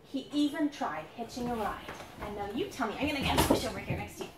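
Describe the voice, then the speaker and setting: In a distant, roomy recording with faint background noise, a woman with a high voice reads her own picture book. Animated and dramatic, she stretches words through build-ups, swoops playfully, and asks questions of a young listener.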